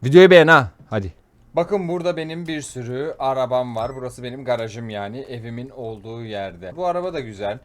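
A man giving chatty let's-play commentary, swearing jokingly and getting loud and panicky when things go wrong. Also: medium pitch, a little fast. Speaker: gaming YouTuber.

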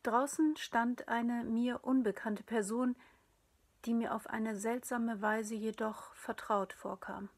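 A woman narrates a story in a hushed, often whispered voice. Her tone is breathy and sits a little high. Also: steady tone, slow pace.

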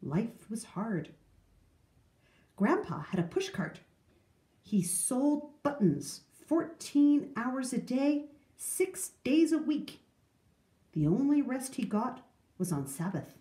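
Woman doing a slow, solemn old grandma in a storybook, roomy echo. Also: on the high side, sing-song, dark tone, pitched above the performer's own voice. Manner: solemn, measured telling. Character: earnest old grandmother recalling hard times.

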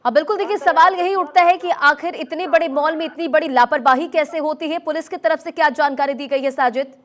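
A woman's voice: high-pitched, fairly even intonation, a little fast, fairly bright tone. A female news anchor presenting breaking news in an urgent, formal way and putting probing questions to a reporter.

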